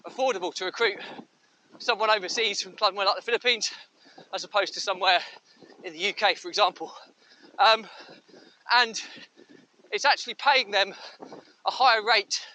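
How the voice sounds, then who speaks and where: Male running vlogger, bright and high, wind-distorted fuzzy audio with faint noise. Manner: thoughtful, with frequent ums and uhs. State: running into a headwind. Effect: wind distortion on the mic. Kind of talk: talking while running, business advice. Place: outdoors, windy.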